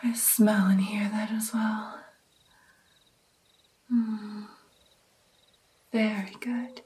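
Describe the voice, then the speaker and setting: A woman playing a gentle vampire mentor in an ASMR roleplay, soft, breathy and mostly whispered, coaxing and encouraging her pupil with pauses. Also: medium pitch, flat delivery. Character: gentle female vampire patiently training her new darkling. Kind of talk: ASMR personal attention roleplay.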